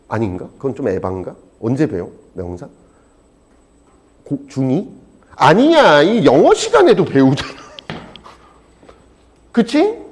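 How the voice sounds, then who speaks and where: A man teaching a high school exam prep lecture, animated and jokey, swinging between loud and soft. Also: husky. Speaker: Korean language teacher.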